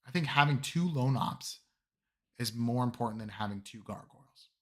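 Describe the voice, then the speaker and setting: Raspy-voiced man chatting to stream viewers. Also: mid-range voice, animated, normal speed, a bit bright. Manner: upbeat, talks to chat. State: raspy voice from a cold. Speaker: streamer host. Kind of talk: casual live-stream chat.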